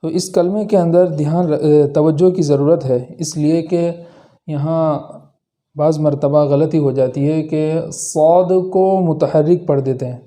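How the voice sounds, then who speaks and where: A man teaching Quran recitation rules, explaining each letter and slowly reciting examples. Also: a little high, dark tone. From India. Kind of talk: tajweed lesson with recited examples.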